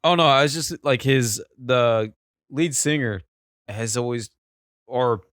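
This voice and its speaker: A young man on a casual podcast, easygoing and quick to agree with short replies. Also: medium pitch, a bit bright, smooth, no echo, studio quality. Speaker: podcast co-host.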